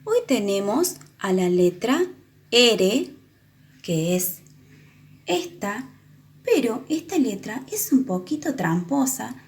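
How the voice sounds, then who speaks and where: A woman teaching children the sounds of a letter, explaining patiently and repeating example words slowly. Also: a little high, a little mellow. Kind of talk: children's reading lesson.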